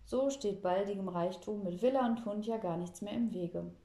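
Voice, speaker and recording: Woman reading kids story aloud, gentle and even, mellow voice, echoey room. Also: medium pitch, moderate pace. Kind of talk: children's story read aloud. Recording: roomy echo.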